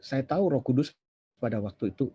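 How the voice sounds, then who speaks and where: A man's voice: mid-range voice, expressive, brisk, breathy edge, no echo. A man, preaching a sermon as a chatty story, acting out dialogue and dropping in English phrases. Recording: dull lo-fi sermon recording.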